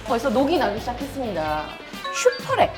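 Lively woman hosting a racing talk show. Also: fairly high pitch, fairly quick. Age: 30s. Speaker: host. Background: music.

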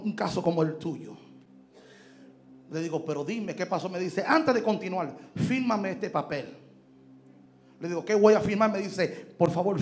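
A man preaching a sermon with a gravelly voice, telling a personal story that swings from hushed storytelling to shouting. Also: high voice. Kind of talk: sermon testimony.

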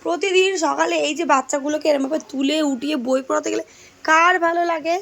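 A hoarse woman in her thirties, a mother vlogging while she scolds her child to wake up and study. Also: high voice, steady tone, fast talker, a bit bright. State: hoarse from daily shouting. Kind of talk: casual family vlog.

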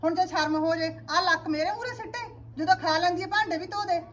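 A woman's voice: high voice, quick pace, lightly acted. A woman playing a weary village mother-in-law complaining about her son's wife. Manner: complaining, resigned. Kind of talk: village comedy sketch acting.

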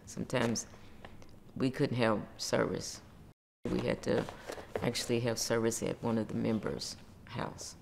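A woman's voice: extremely low pitch, little pitch movement, unhurried, gravelly, pauses often, background noise. An older woman, a former church pianist, reminiscing in a documentary interview. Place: home room with piano. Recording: music bed under voice.

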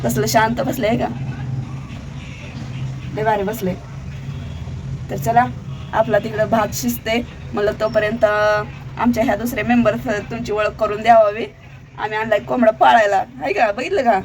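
A hoarse woman, chatting playfully to her viewers in a home cooking vlog from her kitchen. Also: a little high, fairly even intonation, normal speed, pauses often, slight background noise.

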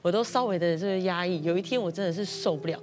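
A middle-aged woman telling a story as a guest on a talk show, acting out the quotes. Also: fast talker. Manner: acts out quotes in a high voice, lively. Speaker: panel guest.

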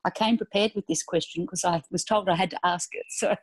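A woman with a low voice for her sex describes a dream at length, carefully choosing each detail. She speaks as a participant on an online class call, steady and deliberate. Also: husky. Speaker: class participant asking a question.

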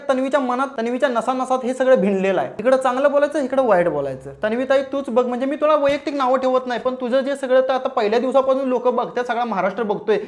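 A man doing comedic roast commentary, mocking and scolding in a sarcastic way. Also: very high-pitched.

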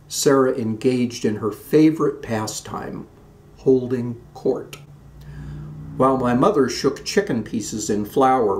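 A man in his sixties reading his own memoir aloud in a measured storytelling way. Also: medium pitch. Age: 60s. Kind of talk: scripted narration of a memoir. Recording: roomy echoey room.

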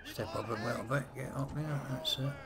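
Here the let's-play gamer is brisk, his mid-range voice competing with a loud crowd. He keeps up chatty, self-muttering commentary on a strategy game through a desk mic placed close.

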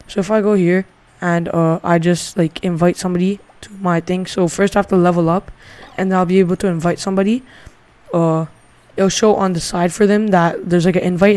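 A man's voice: high voice, a little mellow. A male gaming channel host giving a casual game tutorial, thinking aloud and rambling with lots of filler words.

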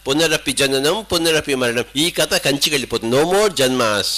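A man's voice: mid-range voice, fairly quick, pushed and bright. An older man giving an emphatic spiritual discourse, firing off rhetorical questions and switching into English and Hindi. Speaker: spiritual teacher.

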